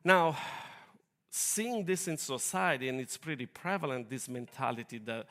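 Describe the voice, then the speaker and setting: An Italian-accented man preaching a sermon, his voice at an ordinary middle pitch. He explains earnestly, with a touch of self-deprecating humor. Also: animated, normal speed, a bit bright. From Italy.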